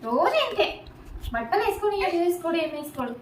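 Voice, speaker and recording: A woman's voice: extremely high pitch, big pitch swings, fast, far from the mic, heavy background noise. A woman family vlogger talking in a casual, cooing, sing-song baby talk as she coaxes a small child, repeating herself. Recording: echoey room.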